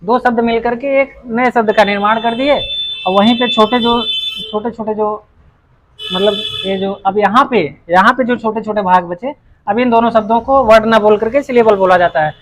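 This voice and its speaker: A man's voice: high-pitched, moderate pace, poor audio. A man teaching English grammar at a board, explaining patiently and repeating himself, often restarting a phrase while he writes. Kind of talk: whiteboard lesson explanation.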